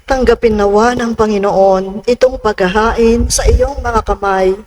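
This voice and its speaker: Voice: mid-range voice, steady tone, unhurried, a little mellow. A congregation giving the spoken responses of the Mass together.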